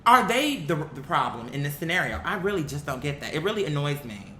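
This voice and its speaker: A young adult online commentator rants bluntly and with exasperation, swearing casually and repeating phrases for emphasis. The voice is sing-song, bright and pushed, moving fairly quickly, in an echoey room with a faint rumble.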